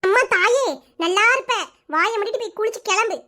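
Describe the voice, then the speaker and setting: A woman's voice: very high-pitched, bright, forceful tone. A woman voicing a harried, scolding village mother in a cartoon, with a southern Tamil Nadu accent. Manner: brisk, scolding. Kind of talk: cartoon voice acting.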